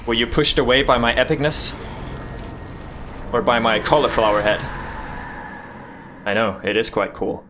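A young man commenting on a video game he is playing, excitable and jokey, swinging between yelps and mutters. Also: medium pitch, normal speed, pauses often, background noise. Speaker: gaming YouTuber. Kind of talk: let's play commentary.

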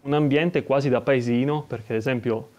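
Young man, from italy, caller, rambling, hesitant, mid-pitched, casual chat. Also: fairly even intonation, a little fast, a little mellow, muffled recording. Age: young adult.

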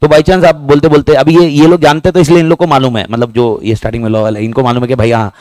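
A man teaching a class, talking fast and repeating himself, joking with his students. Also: mid-range voice, flat delivery, a little mellow, dry recording. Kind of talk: lively classroom lecture.

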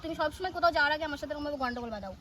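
A woman talks back very fast, playing a stubborn, defiant wife. She sits a little away from the mic, with faint background noise. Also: high-pitched, lively intonation, a bit bright, recorded from a distance. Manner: stubborn, quick back-talk. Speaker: comedy sketch actor playing a wife. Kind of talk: scripted comedy skit.

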